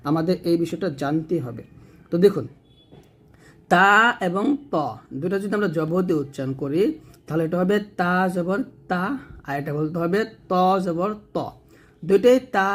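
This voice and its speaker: A man's voice: on the high side, darkish tone. A man teaching Quran reading, patiently explaining Arabic letter sounds and repeating key points. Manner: slow drawn-out demonstration of letter sounds. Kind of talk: tajweed lesson on letter pronunciation.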